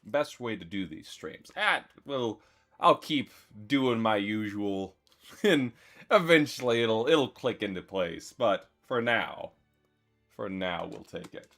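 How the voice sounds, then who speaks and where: A man streamer chatting casually with his viewers, relaxed and chuckling as he thanks them. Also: on the low side, slow pace, soft background music. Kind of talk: casual live-stream chat.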